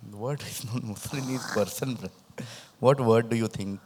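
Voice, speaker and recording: A man's voice: medium pitch, fairly quick, darkish tone, slight background noise. A man with a lisp and whistling s, hosting a live quiz, reading questions and chatting with contestants. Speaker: quiz host. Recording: echoey, long room reverb.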